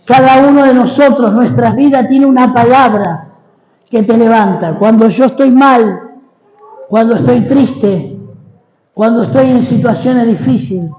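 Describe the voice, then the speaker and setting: A man's voice: very high voice, measured pace, a little mellow, long reverb tail, lo-fi sound. A middle-aged man with an Argentine accent preaching a sermon as a dramatic personal testimony, calling on the congregation to repeat his words. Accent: Argentine Spanish. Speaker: guest preacher. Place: church hall.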